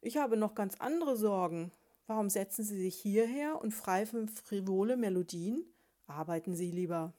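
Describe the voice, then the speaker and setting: A grumpy, miserly hamster farmer , as a woman reading a storybook puts him on, snapping and blustering in a raised, loud voice. The tone stays mellow and warm underneath. He rants about his hard lot and shoos others away. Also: medium pitch, normal speed, lightly acted. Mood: snappish. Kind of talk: audiobook character voice.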